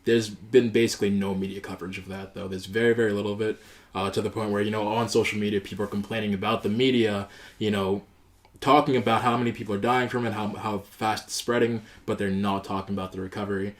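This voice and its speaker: A man's voice: fairly low pitch, little pitch movement, fast. An American man talking casually as a co-host in a group podcast discussion.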